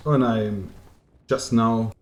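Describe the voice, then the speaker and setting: A man with a German accent commentating a live strategy game as caster, chatty and joking, lifting into excitement on the action. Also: mid-range voice, slow pace, reverberant, dull audio. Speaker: esports caster.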